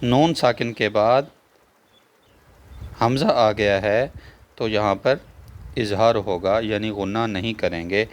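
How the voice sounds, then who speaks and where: A man with a Pakistani Urdu accent teaching a Quran reading lesson step by step. He spells out letters and vowel marks, drawls the joined words slowly, repeats each rule and puts questions to the viewer. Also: lowish voice.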